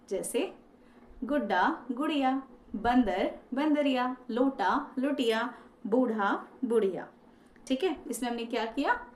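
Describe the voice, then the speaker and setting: A woman's voice: on the high side, roomy sound, far from the mic. A young woman teaching a grammar lesson, often mixing English into her speech and checking in with her students after each point. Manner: mixes English into Hindi, frequent "ठीक है" check-ins. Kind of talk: classroom lesson.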